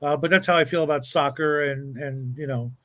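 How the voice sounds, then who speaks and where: A man's voice: fairly high pitch, brisk, a bit bright, no echo, poor audio. A man chatting on a live stream who stammers and repeats his words as he goes. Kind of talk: casual chat on a live stream.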